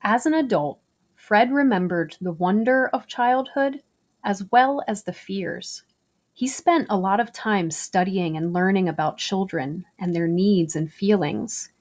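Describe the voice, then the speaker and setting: A woman with a medium-pitched voice reads a children's picture book aloud in an expressive storytelling style. Her phrasing is deliberate and emphatic, and the recording sounds muffled.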